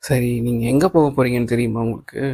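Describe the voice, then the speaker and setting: A man's voice: medium pitch, fast talker, no room sound, close to an everyday voice. A man reading a kind, encouraging boss. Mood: reassuring. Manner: calm, reassuring talk mixing English phrases. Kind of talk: audiobook reading of a novel.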